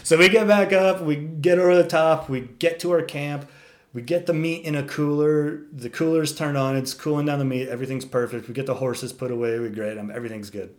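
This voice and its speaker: A young man in casual conversation, recounting a wild adventure with lively energy. He swears freely, peppers his speech with "dude", and slips into quick impressions of the people in the story. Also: on the high side. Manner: animated, profane, says "dude" a lot, acts out quotes. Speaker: storyteller guest.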